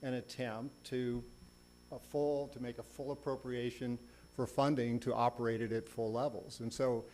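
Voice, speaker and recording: A man's voice: mid-range voice, flat delivery, normal speed, darkish tone. Male lawyer in formal argument, faint hum. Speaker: lawyer arguing an appeal. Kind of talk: formal courtroom oral argument. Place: courtroom. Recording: faint hum and background noise.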